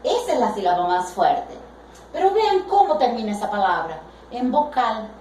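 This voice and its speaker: A woman teaching a grammar lesson, speaking deliberately and stretching out the example words she stresses. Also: fairly high pitch, big pitch swings, a little mellow, slight background noise. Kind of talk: slow explanatory Spanish grammar lesson. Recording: echoey room, voice from a distance.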